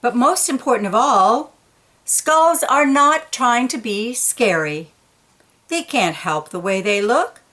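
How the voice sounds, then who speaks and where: A woman reads a children's picture book aloud in a somewhat high voice, her delivery deliberate and expressive, with key words given playful weight.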